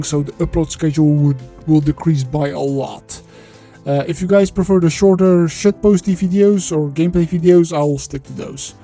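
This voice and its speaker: A man whose voice is disguised by a voice changer, sitting a little high and sounding mellow and soft-edged. He narrates his game-development video bluntly and with some swearing, drifting into halting, filler-heavy talk whenever he leaves the script. Faint music plays under him. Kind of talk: devlog voiceover.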